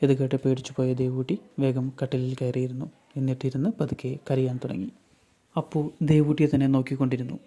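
A man's voice: mid-range voice, level tone, fast talker, dark tone. A man narrating a retelling of a TV serial episode in a dramatic storytelling manner.

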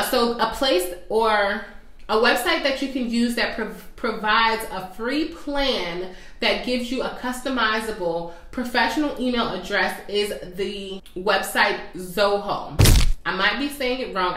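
A woman's voice: mid-range voice, measured pace, a bit bright, reverberant. A young woman who owns a small business, talking casually and directly to her viewers in a friendly, chatty way with plenty of fillers. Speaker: small business owner and coach. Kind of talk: casual vlog talk to viewers.

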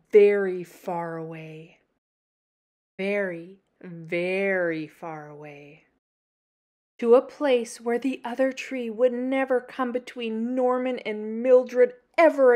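Reading aloud from a children's picture book, a woman from Canada hosts story time in a mid-range, darkish voice, pausing dramatically and stressing words expressively.

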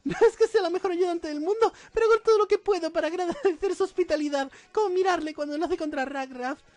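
A man's voice: very high-pitched, fast talker, darkish tone, dry recording, pitched above the performer's own voice. A man voicing a sweet, chirpy young girl lab assistant in a comic game dub. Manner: sweet, mock-innocent girly voice.

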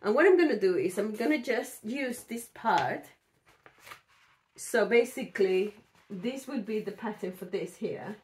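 A woman sewing vlogger, hoarse from a cold, chatting casually about her projects in a rambling way with fillers and restarts. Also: mid-range voice, animated, a little slow, darkish tone, a little hiss or hum. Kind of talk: casual chat.

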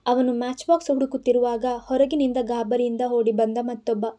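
A woman narrating a dramatic audio novel in an emotional, measured storytelling manner. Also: fairly high pitch, fairly even intonation, dark tone.

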